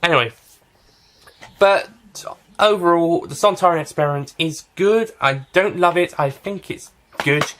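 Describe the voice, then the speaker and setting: A man's voice: on the high side, unhurried, a bit bright. A man giving a casual spoken review of a TV series, rambling and often restarting and correcting himself.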